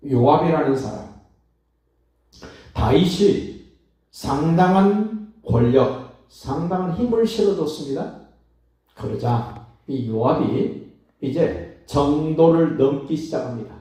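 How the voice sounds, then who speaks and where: A male pastor delivers a sermon, reading a scripture passage and then unpacking it phrase by phrase with weighty pauses. His voice is mellow and dark, and it rings through a very reverberant sanctuary from some distance off the microphone. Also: on the high side. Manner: reads scripture aloud, then expounds with emphatic pauses. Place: church sanctuary at a dawn prayer service. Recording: very echoey church hall, voice from far off.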